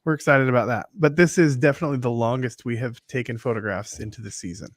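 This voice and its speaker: A man's voice: mid-range voice, fast, no echo, studio quality. A man chatting casually as a co-host in a matter-of-fact, plain-spoken way. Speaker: podcast co-host, working photographer. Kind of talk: casual chat.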